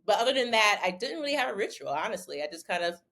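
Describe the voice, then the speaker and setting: A young woman from Connecticut talks with a lot of energy as a guest in a casual interview. She is an animated storyteller who doubles up her words when she gets going, and her voice sits at a middle pitch. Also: quick pace. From Bridgeport, Connecticut. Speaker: interview guest, former basketball player turned model.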